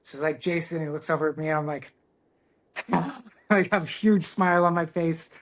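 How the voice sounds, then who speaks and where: A middle-aged man speaks candidly as a podcast guest, his voice sitting a little high for a man. He sounds reflective and earnest, and he often stops and restarts a phrase as he works through a personal story. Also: fast talker, a little hiss or hum. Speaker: guest, tattoo artist.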